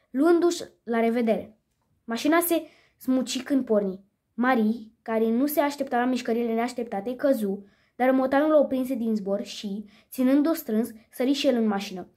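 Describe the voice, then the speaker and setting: A woman reading a children's story aloud in a lively way, with a few small slips. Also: fairly high pitch.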